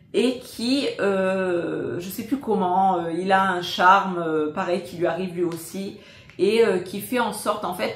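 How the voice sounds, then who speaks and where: A woman talks through a few favourite films in a relaxed, unscripted way. She hesitates often and fills gaps with little pauses, though her enthusiasm comes through. Her voice sits a little low, and the room around her rings with echo. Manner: hesitant, many filler pauses, warmly enthusiastic. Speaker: film recommender. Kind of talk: casual spoken film recommendations.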